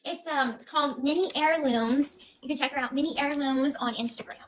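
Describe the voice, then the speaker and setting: A woman's voice: high-pitched, moderate pace, background noise. A young woman hosting her own livestream, chatting in a bubbly, friendly way. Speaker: livestream host. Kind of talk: casual livestream chat.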